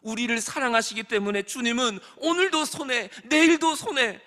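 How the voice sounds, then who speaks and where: A man's voice: extremely high pitch, normal speed, sharp tone, big-room sound. A man preaching a fervent sermon as pastor in a church sanctuary, acting out the father's words.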